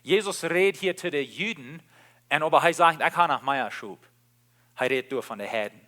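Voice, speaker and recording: A man's voice: a little high, normal speed, pushed and bright. A man preaching a sermon, repeating key phrases with emphasis and switching between languages mid-sentence.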